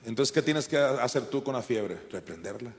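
A man preaching in a large church hall, his voice carried by a long, ringing reverb. He swings between fiery shouted commands and hushed, low asides, pressing each point home. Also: lively intonation, normal speed. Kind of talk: sermon.

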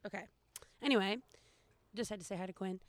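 A young woman co-hosting a casual podcast outdoors by a backyard pool, her voice a little raspy from allergies. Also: medium pitch, steady tone, fast talker, no room sound. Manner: chatty, lots of fillers. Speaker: podcast co-host. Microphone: new podcast microphones.

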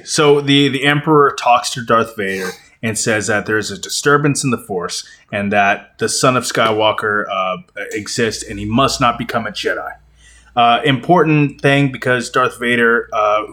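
A man's voice: mid-range voice, pushed and bright. Male podcast co-host, crude and rambling, casual film talk. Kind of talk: casual movie discussion.

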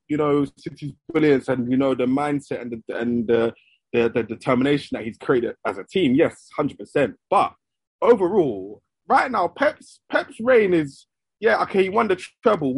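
A man's voice: a little high, creaky, slightly rough, no room sound. A young man with an urban London roadman accent giving opinions in casual, slangy podcast talk. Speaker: football podcast panellist. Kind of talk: casual chat.

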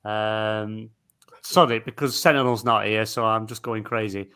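A man's voice: on the low side, steady tone, unhurried, bright, forceful tone, clear, resonant tone. A man co-hosting a podcast, thinking aloud with lots of fillers and restarts. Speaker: podcast co-host. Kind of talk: casual chat.

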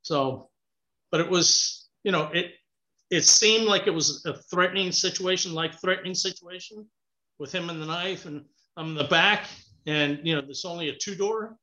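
A Cuban guest author tells stories in a casual interview over a remote call, animated and gesturing with his hands as he talks. His voice is high-pitched at normal speed, and the call audio is echoey and muffled.

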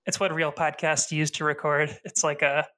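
A man's voice: fairly high pitch, flat delivery, moderate pace, bright, forceful tone, slight background noise. A man co-hosting a casual podcast, rambling through absurd jokes. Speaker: podcast co-host.

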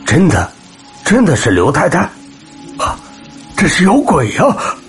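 A man's voice: fairly high pitch, wildly swooping pitch, a little slow, soft background music, pitched above the performer's own voice. A man voicing a terrified man who stammers and trembles, in a storybook.

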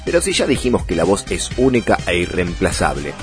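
A man with a Rioplatense Argentine accent teaching how to do voice impressions, playful and lively. His voice sits fairly low and swings widely in pitch, with faint music underneath. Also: brisk. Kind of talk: voice lesson.

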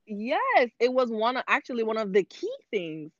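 A woman's voice: a little high, very animated, normal speed, lo-fi sound. A woman in her thirties, a podcast guest, telling her story openly in casual chat. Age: 30s. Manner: candid, open storytelling.

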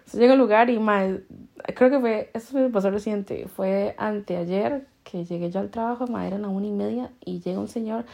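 A woman's voice: medium pitch, normal speed, gravelly, dark tone. A woman with a Costa Rican accent telling stories in a casual podcast chat, laughing often and using heavy slang. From Costa Rica. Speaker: podcast host.

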